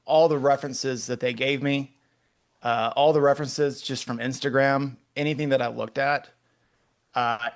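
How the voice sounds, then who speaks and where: A Texan man in his forties, a guest artist, chats casually in an interview with a steady, mid-range voice and a Texan accent. His talk rambles and halts, and he keeps restarting his sentences.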